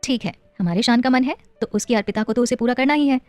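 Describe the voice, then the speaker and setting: Audio story role: a loving, teasing young mother, as the woman narrator voices her, high-pitched, close and dry. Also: quick pace, no echo, faint music behind, close to an everyday voice. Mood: tender. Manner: teasing, affectionate scolding. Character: young wife and mother, firm but loving.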